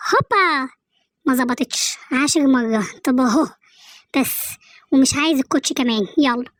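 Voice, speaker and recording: A woman's voice: sits high, brisk, fairly bright tone. A woman voicing a cheeky, bossy female pet in an Egyptian accent, in a comic animal dub, chatty and teasing. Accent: Egyptian Arabic. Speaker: voice dubber.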